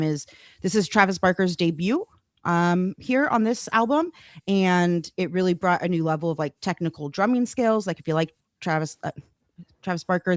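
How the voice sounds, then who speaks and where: Woman co-host, lowish voice, playful music chat, dry close mic. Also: no echo. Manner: chatty, laughs easily, playful. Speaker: podcast co-host. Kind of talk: casual chat about music.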